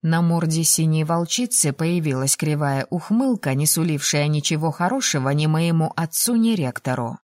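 Expressive woman reading a fantasy audiobook. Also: low-pitched, normal speed, few pauses, dry recording, clean studio sound. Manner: expressive storytelling. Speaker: audiobook narrator. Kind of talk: first-person fantasy audiobook narration.

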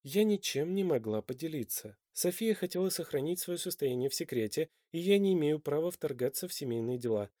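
A woman's voice: sits low, expressive, brisk, few pauses, warm tone, no echo, clean studio sound. A man doing a guarded, stubborn young woman. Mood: firm. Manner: firm, clipped, restrained.

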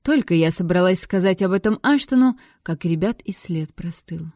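Low, mellow woman narrating a novel. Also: lively intonation, normal speed, no echo, studio quality. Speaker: audiobook narrator. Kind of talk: first-person audiobook narration.

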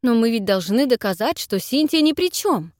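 A woman reading the part of a gentle, courteous young man in an audiobook, soft-spoken and polite. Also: fairly high pitch, animated, normal speed, no echo, clean studio sound, voice pushed up, lightly acted. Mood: probing.

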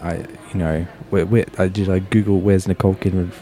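A podcast host with a very low, mellow voice. He rambles through his questions in a loose, casual way, padding them with ums and uhs. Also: flat delivery, brisk. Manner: rambling, chatty, many fillers. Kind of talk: casual interview.

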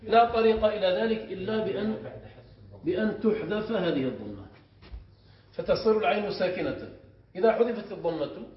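A man, a sheikh, teaching a grammar class. He explains step by step and often checks the students with quick questions. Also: high voice, lively intonation. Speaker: sheikh teaching Arabic morphology. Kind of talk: classroom lesson. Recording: echoey room, muffled sound, faint hiss.

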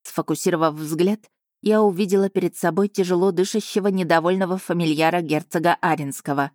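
A woman reading a first-person story aloud, measured and steady. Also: fairly low pitch, dry recording, clean studio sound. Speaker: audiobook narrator. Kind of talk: scripted first-person narration.

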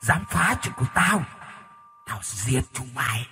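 A man voicing a boy possessed by a vengeful female ghost in a horror story, speaking in a raspy, snarling voice. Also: mid-range voice, very animated, a little slow, sharp tone, in a large hall, slight background noise, heavily acted. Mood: raging. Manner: snarling, murderous threats.

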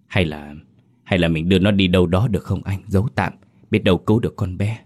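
A frightened young servant boy in a spoken ghost story, stammering and pleading in hushed tones, put on by a deep-voiced man. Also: quick pace. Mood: scared pleading. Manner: stammering, whispering. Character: timid young male servant, frightened and pitying.

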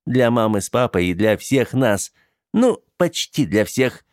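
A man voicing a sharp-tongued teenage girl from a vampire family who gleefully tattles on her brother. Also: mid-range voice, a little slow, no echo, clean studio sound, voice pushed up. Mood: gleeful taunting. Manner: lively, mocking, lecturing.

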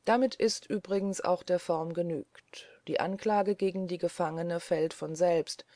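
A reader voicing a stern male judge who speaks in a measured, formal way. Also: medium pitch, fairly even intonation, dark tone, dry recording, close to an everyday voice.

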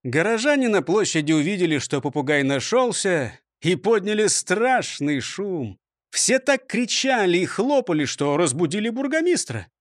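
A man narrating a children's story in an animated, expressive way. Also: high voice, dry recording, studio quality.

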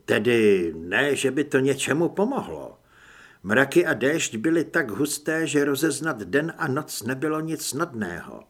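A man reading first-person audiobook narration in an expressive way. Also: medium pitch.

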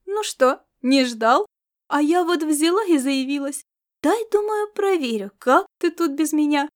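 A woman plays a cocky young wife who drops in uninvited. Her lines are high and sing-song, teasing and scolding by turns. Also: lively intonation, measured pace. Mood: playful. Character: breezy self-assured young female pilot.

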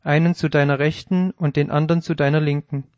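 A man's voice: on the high side, fairly even intonation, a little fast, no echo, dull audio, lightly acted. A man reading the lines of a mother asking a favour for her sons, in an earnest, plain audio Bible reading. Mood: pleading. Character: pleading mother of two grown sons.

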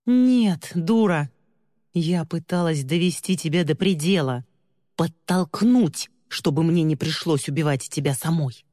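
A woman voicing a cruel woman villain who mocks and scorns in a low, dark voice. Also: a little slow, no room sound, clean studio sound, big-room sound. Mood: scornful. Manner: sneering, contemptuous, mocking.

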